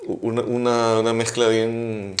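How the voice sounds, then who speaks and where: A man's voice: mid-range voice, level tone, unhurried. A man as an interview guest, talking thoughtfully with many restarts and tag questions. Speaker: guest guitarist. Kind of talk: casual interview chat.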